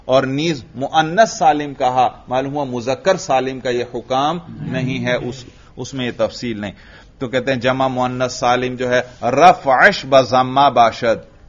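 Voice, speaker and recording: A man's voice: mid-range voice, fairly even intonation, a bit bright, a little hiss or hum. Man teaching grammar, questioning the class. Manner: asks the class questions and answers them himself, repeats key terms slowly. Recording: dull lo-fi recording.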